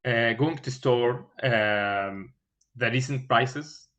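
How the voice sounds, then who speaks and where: A man explaining a technical design as an interview candidate, haltingly, searching for words with many filled pauses and repeated starts. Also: medium pitch, a bit bright. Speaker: engineering candidate in a mock system design interview. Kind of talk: thinking aloud through a technical design explanation.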